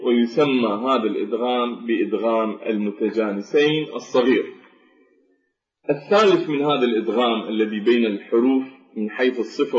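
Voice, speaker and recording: Methodical male tajweed teacher, echoey room. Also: mid-range voice. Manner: methodical, slows to recite verse examples. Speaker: Quran recitation teacher. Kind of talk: tajweed lesson explaining assimilation rules. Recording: echoey room, dull lo-fi sound.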